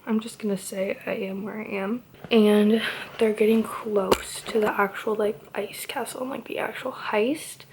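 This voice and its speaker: A woman's voice: mid-range voice, fairly even intonation, measured pace, slight background noise. A young woman chatting through a late-night reading vlog, tired and often half-whispering, with slightly muffled speech from a retainer and lots of "like" fillers. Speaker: book vlogger.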